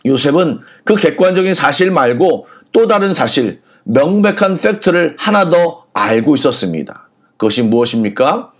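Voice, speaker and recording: Man, pastor, earnest sermon, rhetorical questions, slightly high voice. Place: church.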